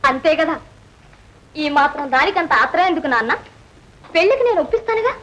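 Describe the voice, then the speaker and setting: An actress playing a confident young woman lawyer who talks briskly and scolds in an old film. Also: very high voice, animated, fairly bright tone, low-quality recording.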